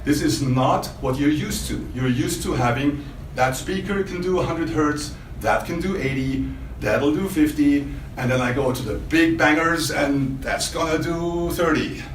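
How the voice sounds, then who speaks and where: Speaking unhurriedly with few pauses in a fairly high voice, a man gives a small audience an emphatic, spontaneous demonstration for a loudspeaker maker, quizzing them rhetorically. The trade show recording in a hotel demo room is roomy, with faint background noise.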